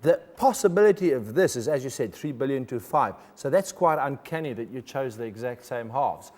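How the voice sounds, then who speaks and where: In a studio with an audience, a TV magic show host whose first language is German keeps up jokey, chatty patter punctuated by quick laughs. His mid-range voice is animated and a little mellow, echoing in a large hall over a faint hiss or hum.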